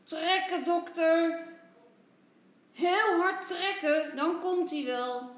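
A bossy, caring little girl playing nurse chirps high and eager in a storybook reading, acted out by a woman. She talks slowly, in a lilting way. The room has a noticeable echo with faint music. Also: fairly even intonation, exaggerated voice. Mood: fussing.

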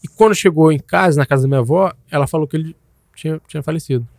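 A man's voice: on the high side, racing, a little mellow, dry recording, clean studio sound. A young man, telling a personal story in a loose, slangy way, full of restarts and tags. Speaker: guest.

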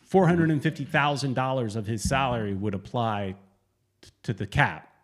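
A man co-hosting a casual sports podcast, rambling and correcting himself as he talks, with sudden animated bursts. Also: mid-range voice, moderate pace. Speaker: podcast co-host.

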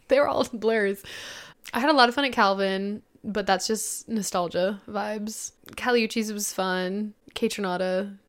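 A woman's voice: mid-range voice, steady tone, a little slow. A young woman co-hosting a podcast in a casual chat, giggling and rambling with lots of "like.". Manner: giggly, rambling, says "like" a lot. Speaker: podcast co-host.

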